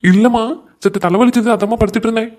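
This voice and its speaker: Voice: mid-range voice, fairly even intonation, fast talker, a little mellow, lightly acted. A voice actor playing a meek young husband in a cartoon comedy, pleading and apologetic. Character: meek young husband caught between wife and mother.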